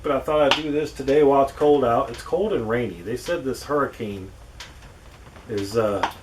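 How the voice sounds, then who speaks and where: A man chatting casually to camera in his workshop, ranting in an exasperated way and swearing now and then. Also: mid-range voice. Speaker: woodworking channel host. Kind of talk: casual rambling chat to camera. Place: small workshop with wood burner, rain on roof. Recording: distant mic, faint background noise.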